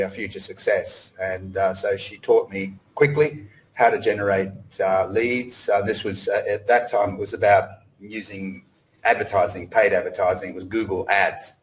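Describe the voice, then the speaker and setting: A man's voice: lowish voice, poor audio. A middle-aged man from Australia giving a casual online presentation, rambling with lots of fillers and restarts. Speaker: webinar presenter. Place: home in Cambodia.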